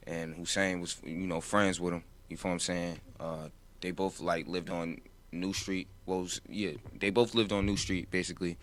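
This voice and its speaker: This New Jersey rapper in his 20s has a deep, slightly bright voice that seems older than he is, with a flat delivery at normal speed and hardly any pauses. Chatting as an interview guest, he's relaxed and rambling, dropping "you feel what I'm saying".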